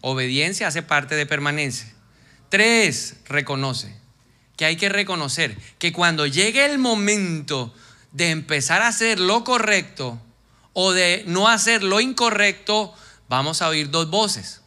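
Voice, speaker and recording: A pastor preaches with lively energy, slipping into quoted voices and dropping to soft, intense tones. His voice sits a little high and rings very bright. He keeps the congregation engaged. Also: unhurried. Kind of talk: sermon.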